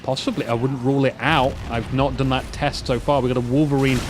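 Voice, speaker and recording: A man's voice: medium pitch, fairly even intonation, brisk. A man casually commentating a strategy war game, rambling with joking asides. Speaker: gameplay commentator. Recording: loud game gunfire underneath. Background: gunfire and vehicle noise from the game.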